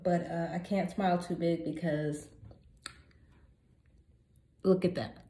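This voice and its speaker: A woman in her thirties talks through a freshly fitted partial denture in a casual vlog. Her voice sits a little low, with a soft, mellow tone. The sound bounces around an echoey room. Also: steady tone, slow pace. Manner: rambling, filler-heavy, self-conscious. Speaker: vlogger.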